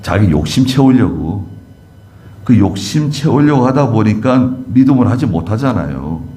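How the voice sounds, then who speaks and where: A man's voice: fairly low pitch, big pitch swings, normal speed, warm tone. A man preaching a sermon as pastor, explaining scripture and asking the congregation rhetorical questions. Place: church sanctuary.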